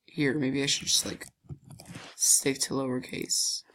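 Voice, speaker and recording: In a rough recording, a young gaming channel host with a cold talks in a medium-pitched, stuffy, deeper voice with a level, sharp tone and unhurried pace. He giggles mischievously, often breaks into laughter, and thinks aloud while clicking through a screen-recorded game in casual commentary.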